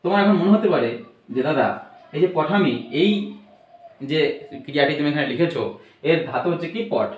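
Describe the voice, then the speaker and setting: A man's voice: fairly high pitch, lively intonation, fairly quick, pauses often, echoey room, low-quality recording. A man teaching an online grammar lesson, explaining patiently step by step and checking in with repeated questions.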